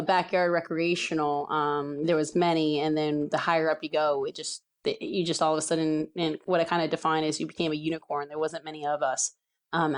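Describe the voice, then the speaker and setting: A woman in her thirties from California, a soccer referee telling her story in a relaxed podcast interview, chatty with many fillers and laughs. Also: deep voice. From San Diego, California.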